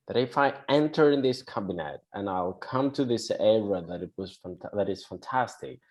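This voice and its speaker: A man playing a confused, earnest man from the future in an improv comedy scene, talking haltingly. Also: lowish voice, darkish tone. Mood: puzzled. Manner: halting, earnest, easily hurt.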